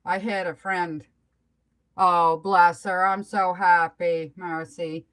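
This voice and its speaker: A middle-aged or older woman chatting casually on a live stream, rambling and halting as she trails off mid-thought. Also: lowish voice, level tone, a bit bright, clean tone.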